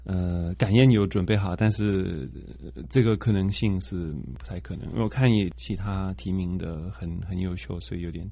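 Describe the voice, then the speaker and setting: Deep, mellow foreigner speaking halting Mandarin, male. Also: steady tone, creaky, no room sound. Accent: foreign-accented Mandarin. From Belgium. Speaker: interview guest, film composer. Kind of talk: casual interview.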